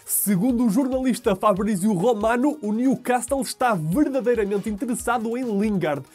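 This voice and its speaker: A man with a European Portuguese accent, presenting football news in a steady scripted read. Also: high voice, slightly rough, soft background music. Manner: steady, measured read of sports headlines.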